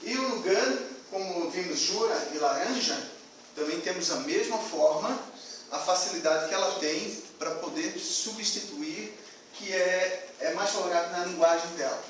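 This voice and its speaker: A man explains during a student class presentation in loose, rambling phrasing. His fairly high voice is heard from a distance in a very echoey classroom, with faint hiss. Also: unhurried, fairly bright tone.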